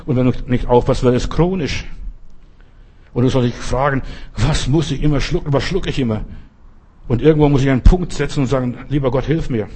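A man's voice: mid-range voice, brisk, warm tone, husky. A man preaching a sermon, addressing listeners directly with many pointed rhetorical questions.

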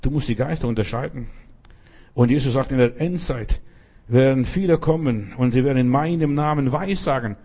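A man's voice: mid-range voice, normal speed. A man preaching a conversational sermon, talking straight to one listener and acting out the stories he tells. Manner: speaks directly to one listener, often asks "weißt du"; animated storytelling, acting out quoted voices.

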